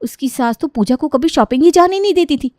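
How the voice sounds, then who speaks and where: A woman's voice: high-pitched, lively intonation, brisk, darkish tone, no echo, clean studio sound, pitched above the performer's own voice. A woman voicing a stubborn, chatty young woman in a cartoon story. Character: stubborn young woman, picky about in-laws.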